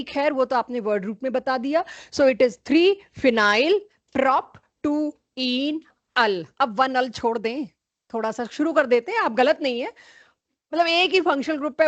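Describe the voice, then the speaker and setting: A woman with a high voice teaches a chemistry class online, quizzing students by name and correcting them firmly. The sound is close and dry, with no room around it. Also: no echo.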